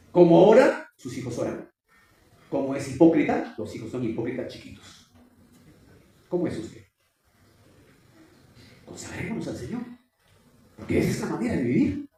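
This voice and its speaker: A man's voice: on the high side, warm tone. A man preaching a sermon, often questioning and exhorting the congregation. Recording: very echoey hall, distant mic.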